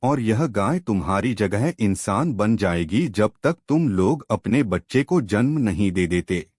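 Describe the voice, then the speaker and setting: A man's voice: lowish voice, expressive, unhurried, a little mellow, husky, no room sound, clean studio sound. A man voicing a kind, motherly goddess in a cartoon story, speaking solemnly as she gives a blessing.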